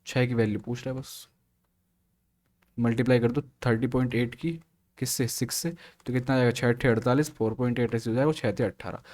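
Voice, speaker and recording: A male math teacher solving exam questions aloud, asking and answering his own questions as he works. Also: medium pitch. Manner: steady step-by-step explaining, asks and answers own questions. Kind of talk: exam solution walkthrough.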